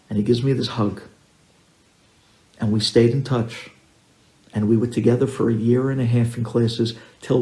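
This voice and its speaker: A rabbi telling a story in a vivid way that swings from hushed to loud. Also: male voice, mid-range voice. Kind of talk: animated storytelling. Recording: roomy echo.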